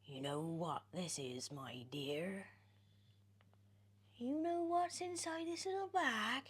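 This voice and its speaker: A woman voicing a very small, mysterious old man with a slow, creaky, half-whispered voice in a storybook reading. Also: medium pitch, voice pushed up. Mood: eerie coaxing. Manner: drawn-out, breathy, half-whispered coaxing.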